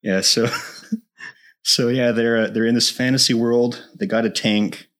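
A man co-hosting a podcast, chatting casually and enthusiastically, laughing often and filling pauses with "like" and "uh". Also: mid-range voice, fairly even intonation, a bit bright. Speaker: podcast co-host. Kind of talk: casual chat.

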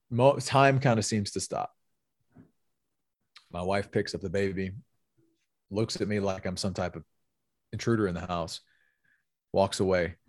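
A man's voice: deep voice, no echo, studio quality. Earnest man telling a personal story. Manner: earnest storytelling, with frequent repeated words. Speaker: guest, sales executive. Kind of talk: personal story in a podcast interview.

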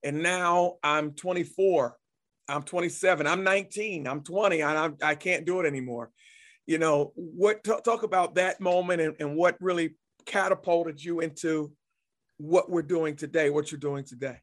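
In a casual interview, a host with a rather high voice speaks at a moderate pace, chatty and encouraging. He often repeats words and restarts as he builds up his questions, offering plenty of affirmations.

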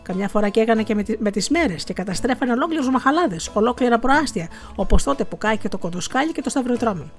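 A woman reading aloud from a novel as a storyteller, lively, with small slips and restarts. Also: a little high, few pauses, soft background music.

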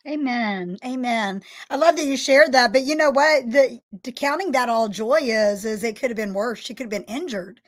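A woman's voice: a little high, moderate pace, few pauses. A woman hosting a faith-based chat, giving affirming, preacherly encouragement. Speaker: host.

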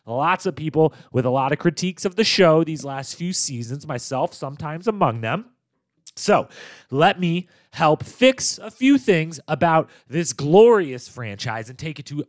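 A man's voice: fairly high pitch, dry recording, clean studio sound. A man hosting a casual podcast, with a nasal voice made stuffier by a cold, chatting playfully into a microphone in a small room. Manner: chatty, self-promoting, playful asides. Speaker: podcast host. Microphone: studio microphone.

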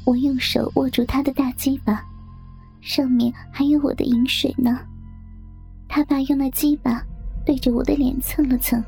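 Woman, whispered story narration, intimate, high pitch, faint music behind. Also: flat delivery, moderate pace. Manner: hushed, intimate, breathy delivery.

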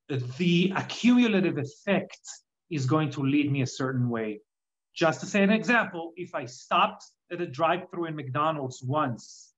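An Israeli man with a fairly high, slightly bright voice speaks in an Israeli accent. He's reflective in a casual conversation, using examples to explain his points. The audio is muffled and lo-fi.

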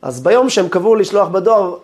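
A man, a rabbi, giving a lesson as an animated, dramatic storyteller. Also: high-pitched.

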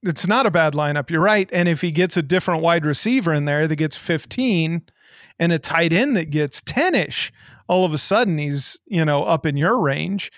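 A man with a fairly high voice hosts a fantasy sports show. He talks in brash, boastful showman patter and banters freely. The sound is dry, with hardly any room in it. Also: animated, moderate pace, a bit bright, dry recording. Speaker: podcast host.

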